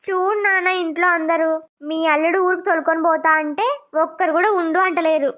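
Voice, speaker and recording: A woman's voice: very high voice, fairly even intonation, a little fast, a bit bright. A woman voicing a spoiled young married daughter who pleads and whines, on a dull lo-fi recording. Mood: pleading. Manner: whiny, pleading.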